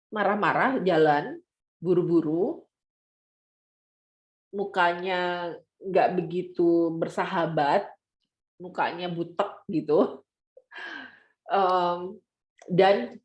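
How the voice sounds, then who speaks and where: Animated woman mentor, echoey room. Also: mid-range voice. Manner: animated, acts out scenes with quoted voices. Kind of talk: online mentoring session.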